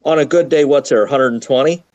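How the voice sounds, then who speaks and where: A man's voice: medium pitch, fast, darkish tone, no room sound, rough recording. A man on a casual live stream chat, talking in an emphatic, folksy way.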